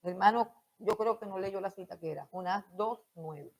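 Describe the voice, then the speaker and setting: A woman's voice: medium pitch, moderate pace. A woman teaching a Bible school class on preaching, repeating her points and questioning her students.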